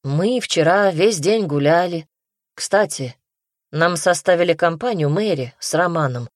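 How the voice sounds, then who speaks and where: A woman's voice: lowish voice, animated, dry recording, studio quality. Woman voicing a sullen sarcastic young man. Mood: mocking. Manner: curt, sarcastic, slow. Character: sullen mocking young man, teenage brother.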